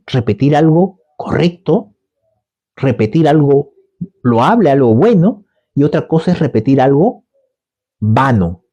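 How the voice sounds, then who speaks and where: A man's voice: on the high side, mellow, husky. A man preaching a conversational sermon, repeating his phrases and asking rhetorical questions.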